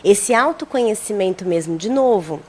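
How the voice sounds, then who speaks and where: A middle-aged woman talks on a radio program. She tells a personal story in an earnest, reflective way and keeps checking in with her listener. Her voice sits at an ordinary middle pitch. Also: animated, normal speed, darkish tone, slight background noise. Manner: earnest, reflective storytelling with frequent tag questions. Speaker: radio show participant on parenting. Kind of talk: conversational radio talk.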